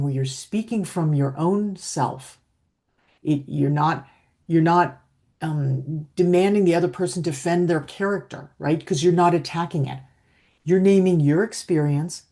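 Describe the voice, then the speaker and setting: A middle-aged woman with a low voice, an emotional intelligence coach, gives a calm teaching talk to camera on communication. She speaks slowly, steadily and reflectively, often checking in with "right?".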